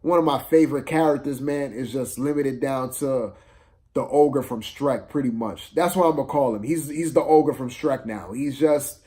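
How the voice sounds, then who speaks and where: In an unscripted, casual film review rant, a man sounds exasperated and uses plenty of slang, repeating himself haltingly for emphasis. His voice is mid-range with a warm tone.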